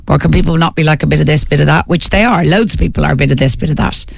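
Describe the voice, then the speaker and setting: A woman's voice: deep voice, rapid-fire, creaky, no room sound, studio quality. An Irish woman co-hosting a radio show, chatting in a rambling, talkative way. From Ireland. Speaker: radio co-host. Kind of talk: casual radio chat. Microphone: studio mic.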